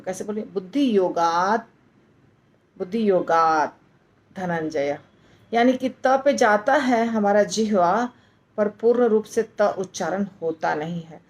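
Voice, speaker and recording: A woman teaching the pronunciation of a scripture verse, breaking words apart and repeating them carefully, then chanting the verse slowly. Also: medium pitch, darkish tone, poor audio. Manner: chants verses in a slow drawn-out way. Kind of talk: pronunciation lesson.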